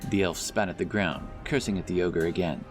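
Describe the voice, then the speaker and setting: A man serves as storyteller for a scripted fantasy audiobook, his low-pitched voice moving briskly. His narration sits beneath loud music and outdoor sound effects.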